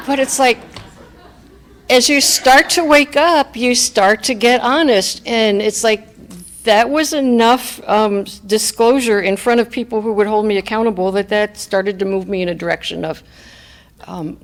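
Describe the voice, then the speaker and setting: A woman speaking candidly and reflectively, in a conversational way, as she gives a personal recovery talk to a group. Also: fairly high pitch. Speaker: speaker at a recovery fellowship meeting.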